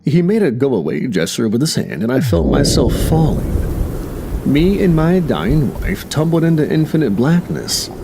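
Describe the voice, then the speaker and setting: A man's voice: medium pitch, very animated, moderate pace, vocal fry, mellow, slight background noise. A man narrating a first-person horror story in a tense, dramatic way. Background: music.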